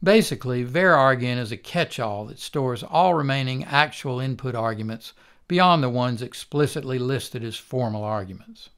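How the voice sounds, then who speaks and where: An older man instructor giving a calm, methodical recorded programming lecture. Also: mid-range voice.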